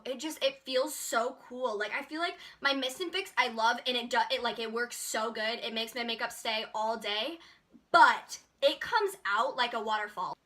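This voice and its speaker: A woman's voice: on the high side, pushed and bright. A young woman chatting in a casual makeup haul vlog, bubbly and full of filler words. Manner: chatty, bubbly, lots of likes and ums. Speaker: beauty vlogger.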